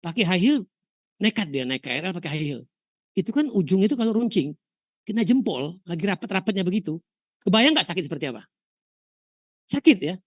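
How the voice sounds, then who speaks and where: Woman lecturer from indonesia, lively storytelling, rhetorical questions, dry close sound. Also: on the low side, brisk, long pauses, no room sound. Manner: mixes English terms into explanation. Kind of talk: university lecture.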